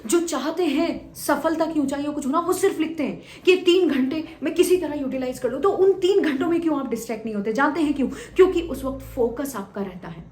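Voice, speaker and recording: Woman, young adult, teacher, high voice, motivational exam tips, repeats phrases, echoey room. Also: a little fast, hardly any pauses, a little mellow. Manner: acts out student dialogue, repeats phrases for emphasis. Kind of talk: motivational talk to students with a told story.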